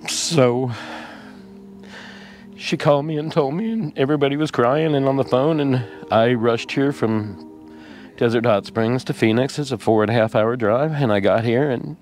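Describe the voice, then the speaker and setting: A man vlogging from his RV, talking tearfully and haltingly with many pauses and fillers. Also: mid-range voice, soft background music. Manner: rambling, halting, with many ums and uhs. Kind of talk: casual vlog talk to camera.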